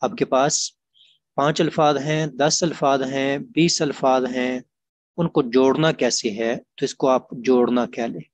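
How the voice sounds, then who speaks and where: A man teaching an online grammar class, explaining patiently and repeating examples slowly. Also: medium pitch, fairly even intonation, no echo, lo-fi sound.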